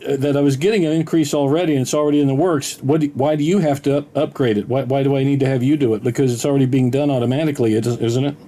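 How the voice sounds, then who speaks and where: A man's voice: mid-range voice, steady tone, warm tone. A man baiting a phone scammer by acting confused, stammering and rambling as he asks the same question again and again. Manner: plays dumb, deliberately confused, rambling and stammering. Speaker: scam baiter posing as a retiree. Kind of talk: prank phone call.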